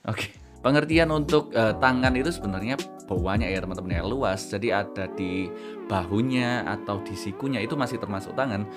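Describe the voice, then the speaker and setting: A man's voice: fairly low pitch, brisk, music in the background. A man from Indonesia casually commenting and explaining to viewers as a streamer, chatty and addressing them like friends. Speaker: VTuber host of an educational reaction stream.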